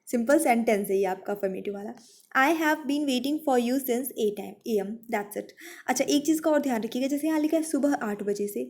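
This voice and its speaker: High-voiced woman teaching grammar. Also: a little mellow. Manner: explains step by step, slows down to spell out English example sentences. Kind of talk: online exam-prep grammar lesson.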